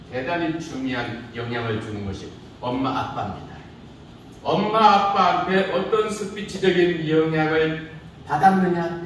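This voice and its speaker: This speech instructor, a middle-aged man, bantes informally with students while lecturing, throwing out teasing rhetorical questions. His voice is a little high and a bit bright. The mic picks him up from far off in an echoey room, with slight background noise.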